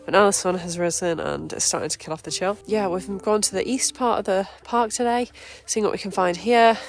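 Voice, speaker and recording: A woman's voice: medium pitch, a little fast. A woman talking casually to camera outdoors as a safari vlogger. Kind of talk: casual vlog talk to camera. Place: outdoors on a morning game drive.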